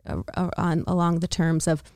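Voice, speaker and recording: An American woman co-hosting a podcast, telling a story in an animated, casual way with frequent laughter and acted-out quotes. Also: on the low side, moderate pace, dry recording. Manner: animated, laughs often, acts out quoted dialogue. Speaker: podcast co-host.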